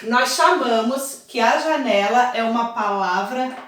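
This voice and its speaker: A woman's voice: fairly high pitch, measured pace, fairly bright tone. A woman teacher, patiently explaining a lesson step by step and checking that her students follow. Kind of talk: recorded online class lesson. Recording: very echoey room, voice from far off.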